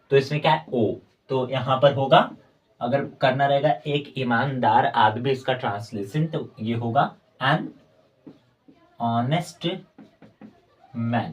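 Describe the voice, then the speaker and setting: A man teaching English grammar in a classroom-style lesson. He explains step by step, repeats example words over and over, and calls his viewers friends. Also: mid-range voice.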